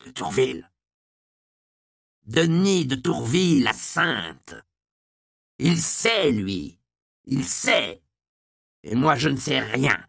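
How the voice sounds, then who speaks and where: A man voicing a frantic, terrified old monk who shouts in hysterical outbursts. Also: medium pitch, big pitch swings, takes it slowly, creaky, long pauses, no room sound, clean studio sound, pitched above the performer's own voice, heavily acted.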